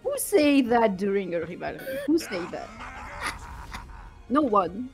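A woman's voice: fairly high pitch, very animated, unhurried, music in the background. Reactive female esports commentator. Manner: reactive, gasping, playful teasing. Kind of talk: live fighting-game commentary.

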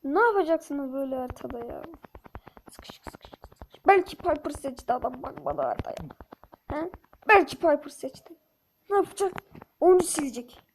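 A woman with a high, bright-sitting voice chats playfully to her viewers while she plays, swinging quickly between excitement and teasing complaints. Faint background noise runs under her casual gameplay commentary. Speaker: gaming channel host.

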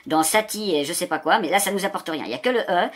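A man's voice: sits high, expressive, fairly bright tone. A man giving casual, chatty commentary while scratching lottery tickets, swearing crudely and joking at his own expense. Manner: rapid, chatty, crude swearing, self-mocking.

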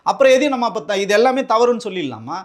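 A man with a Tamil Nadu accent argues his case in a heated political interview. His voice sits high and his words tumble out at great speed. He presses the interviewer with rhetorical question after question. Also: very animated. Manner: combative, rapid rhetorical questioning. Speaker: political party spokesman.

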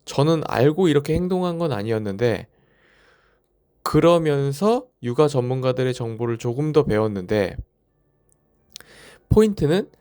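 A young man with a dark, mellow voice narrates a parenting vlog as a new father. He speaks in a reflective, personal storytelling style. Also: mid-range voice, lively intonation, normal speed, clean tone.

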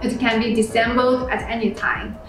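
A young woman presenting products, reading a review script in plain, steady phrasing. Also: a little high, a little fast. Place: small room indoors. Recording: very echoey room with background music.

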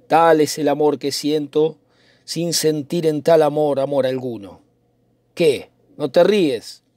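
A man's voice: fairly high pitch, slow, darkish tone, dry recording, studio quality. A man reading the part of a brooding, poetic young nobleman in a dramatic reading of a play, in a theatrical, declaiming manner. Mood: lovesick.

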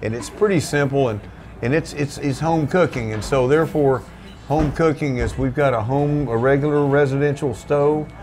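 An older man who owns a small restaurant, telling its history in a relaxed, folksy way with many restarts, seated at a table in a back room. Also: medium pitch, normal speed, slight background noise. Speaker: restaurant owner. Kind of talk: relaxed storytelling interview. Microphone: seated at a table, camera in front.

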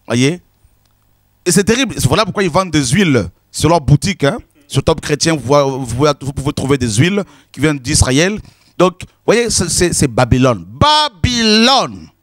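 A man's voice: fairly high pitch, lively intonation, moderate pace, no room sound, studio quality. A man preaching a sermon, emphatic and repetitive, often calling his listeners "my friends". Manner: emphatic, repetitive, addresses listeners as "mes amis".

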